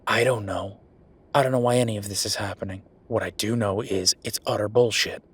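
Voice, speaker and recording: Here the man voices a worn-out, sardonic werewolf official complaining to his partner in a conversational roleplay, stressing points with pauses. His voice is on the low side, fairly bright and slightly rough, with fairly even intonation. Frustration and defiance color the delivery.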